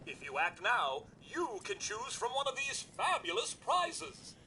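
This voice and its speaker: Game show host robot: high and bright, big sales patter, played for a video game. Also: male voice, huge pitch swings, measured pace, slight background noise, exaggerated voice. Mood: salesy, excited.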